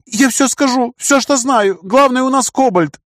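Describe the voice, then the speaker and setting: A man's voice: sits high, animated, fairly quick, dry recording, clean studio sound, voice pushed up. A man reading an audiobook, voicing a frightened teenage boy who begs with a trembling voice. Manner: trembling, pleading. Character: terrified teenage boy captive, pleading.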